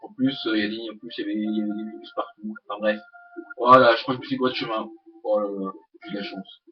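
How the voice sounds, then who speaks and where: A man's voice: lowish voice, fairly even intonation, fast talker, a little hiss or hum. A young man hosting a let's play, rambling with many hesitations and swearing at the game. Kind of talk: casual gameplay commentary. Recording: dull lo-fi mic with game music.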